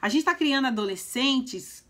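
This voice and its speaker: Brazilian woman, middle-aged, slightly high voice, chatty motivational vlogger. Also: expressive, moderate pace. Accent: Brazilian Portuguese. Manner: chatty, emphatic, swings between loud and soft. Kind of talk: casual motivational vlog talk.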